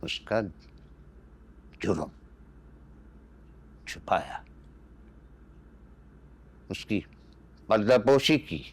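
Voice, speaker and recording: Guilt-ridden pakistani dad, low gravelly voice, talks real slow. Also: male voice, animated, full character voice. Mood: remorseful. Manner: slow, heavy and reproachful. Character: guilt-ridden older father, stern and anguished.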